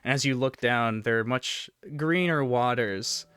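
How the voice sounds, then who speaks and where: Unhurried male game master over music. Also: medium pitch, fairly bright tone, smooth, no room sound. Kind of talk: improvised tabletop game narration.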